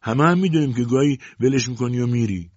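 A man's voice: mid-range voice, a little mellow, no room sound, pitched above the performer's own voice, natural voice. A man voicing a defiant, outspoken young woman who argues with her mother in a storybook reading. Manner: pleading, defiant. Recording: dull dry lo-fi audiobook recording.

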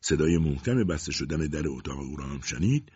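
Man, audiobook narrator, very deep, husky, lively intonation, dull lo-fi sound. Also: dry recording.

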